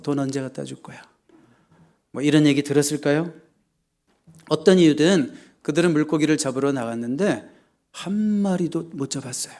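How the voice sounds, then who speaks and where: A man preaching a sermon in a church as its pastor, telling the story with lively questions to the congregation and loud acted shouts. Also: mid-range voice. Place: church sanctuary.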